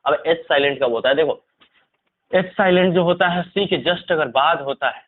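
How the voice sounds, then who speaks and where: A man's voice: a little high, normal speed. A man teaching English spelling rules to students, repeating each rule and checking in with them often. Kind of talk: classroom lesson explaining spelling rules. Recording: tinny phone-like lo-fi sound.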